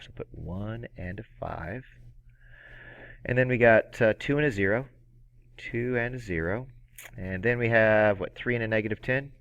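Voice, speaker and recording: A male math teacher walks through a lesson in a playful, energetic way, breaking into excited outbursts. His voice sits low. The recording is a little dull and lo-fi.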